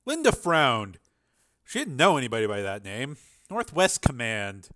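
A man's voice: mid-range voice, huge pitch swings, unhurried, sharp tone. A man reading an action novel aloud as a dramatic, intense narrator. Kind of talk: dramatic audiobook-style narration.

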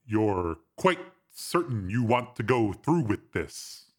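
A man's voice: big pitch swings, husky, full character voice. A man doing a cool, formal bodyguard. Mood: composed. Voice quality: deep, measured, formal. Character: cool formal male bodyguard, precise and measured.

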